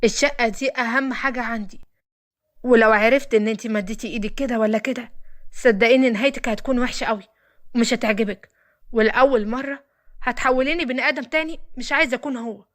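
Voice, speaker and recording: A woman's voice: fairly high pitch, fast, fairly bright tone, natural voice. A woman doing a stern secretive rich man. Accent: Egyptian. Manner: warning, firm.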